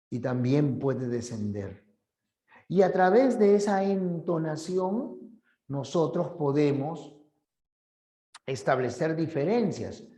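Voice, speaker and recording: A man's voice: a little high, warm tone, roomy sound. A male teacher, giving a conversational class for an admission exam and often checking that students agree. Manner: conversational, asks students for agreement, acts out examples.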